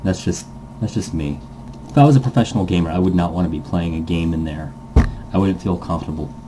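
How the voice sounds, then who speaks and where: Hosting a visual novel playthrough series, a man reads game text aloud and reacts to it, rambling and thinking out loud in casual commentary. He speaks quickly in a low voice against a noisy background.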